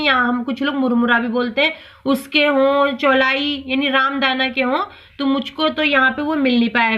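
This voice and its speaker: A woman with a high, bright voice talks through a casual home vlog. She speaks in a homely, explanatory way and counts each item aloud. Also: lo-fi sound. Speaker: cooking channel host.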